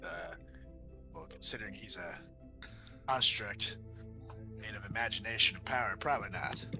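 A man's voice: fairly low pitch, moderate pace, pushed and bright, faint music behind, rough recording. A man chatting casually as a player in a tabletop fantasy game, slipping in and out of character. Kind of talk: casual in-character play and banter.

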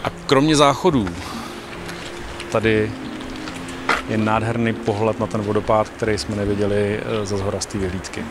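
A man's voice: fairly low pitch, steady tone, long pauses, very noisy. A man in his thirties, a travel vlogger chatting casually and joking as he walks through a mountain park, filming himself on a phone at arm's length. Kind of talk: casual travel vlog with narration. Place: outdoors in a mountain park, walking. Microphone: phone held at arm's length.

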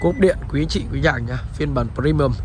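Guy doing a car dealer walkaround, slightly high voice, polite sales patter, bit of outdoor noise behind him. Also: fairly quick. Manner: salesman's patter with repeated polite addresses to viewers. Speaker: used car dealer presenting a car. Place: outdoors beside and inside a car on a roadside.

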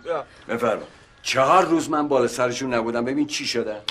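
A man's voice: mid-range voice, a bit bright, slight background noise, lightly acted. An actor playing a middle-aged husband back from his supposed death, pleading and joking with his angry family in a comic TV series. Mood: exasperated. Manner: pleading and joking, then exasperated. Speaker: father of the family.

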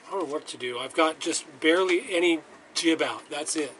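A man's voice: a little high, fairly quick, fairly bright tone, a little hiss or hum, rough recording. A man in his fifties, filming himself alone on a sailboat, talking to himself in a rambling way with restarts and muttered curses. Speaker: solo sailor vlogger. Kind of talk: casual self-filmed vlog. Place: small sailboat at sea, cabin and open deck. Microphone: handheld camera at arm's length.

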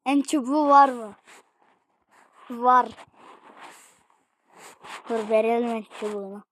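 A woman casually commenting on her own gameplay, excitable and slangy, often yelling at what happens on screen. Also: on the high side, slow pace, a little hiss or hum. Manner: excitable, slangy, yells at the game. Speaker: gaming channel host.

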